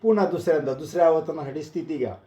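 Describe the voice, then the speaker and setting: Man calmly guiding a breathing exercise. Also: slight background noise. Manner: slow, counting cues, voice dropping soft and low when calming. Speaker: yoga and breathing instructor. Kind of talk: guided breathing exercise instruction. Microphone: video call. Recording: roomy, dull lo-fi online class audio.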